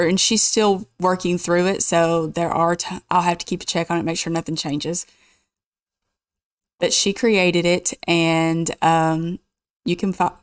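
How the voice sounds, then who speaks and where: Gaming lady reading rules out loud, chatty, low-ish voice, no room echo at all. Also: clean tone, clean studio sound. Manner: chatty, reads rules at an easy, even pace. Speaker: gaming channel host. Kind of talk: casual gameplay chat, reading rules aloud.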